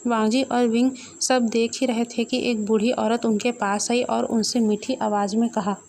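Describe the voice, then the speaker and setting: A woman with a slightly high voice reads out a comic ghost story with lively, playful pacing. A faint hiss runs under her narration. The tone is that of a storyteller sharing a fan tale. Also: normal speed.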